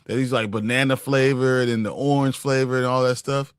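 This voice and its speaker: A man's voice: medium pitch, fairly even intonation, fairly quick, smooth, dry recording, clean studio sound. A man co-hosting a casual chat show, joking and playfully dramatic. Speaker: co-host.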